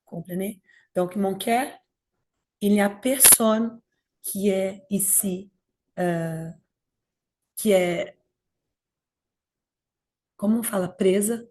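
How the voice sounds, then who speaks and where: Woman, mid-pitched, soft-spoken discussion leader who pauses to search for words. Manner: gentle and inviting, searching for words. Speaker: group leader of a faith discussion. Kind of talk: leading a group discussion.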